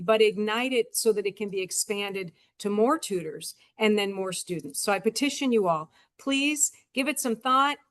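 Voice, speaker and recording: A woman's voice: fairly high pitch, fairly bright tone. A woman giving an earnest supportive speech over a video call, appealing to listeners to help a program. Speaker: guest speaker supporting the program.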